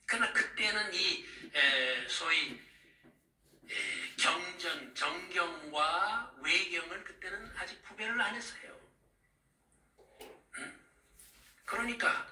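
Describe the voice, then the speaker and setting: A middle-aged male pastor preaching, telling the story of his visions and calling out to the congregation. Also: on the high side. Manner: animated, calls out to the congregation. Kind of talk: sermon recounting visions. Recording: echoey room, distant mic.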